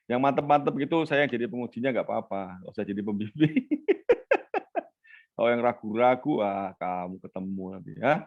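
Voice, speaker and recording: A man's voice: on the low side, lively intonation, fast, hardly any pauses, highs cut off. A male lecturer, teaching an online class and teasingly quizzing students by name.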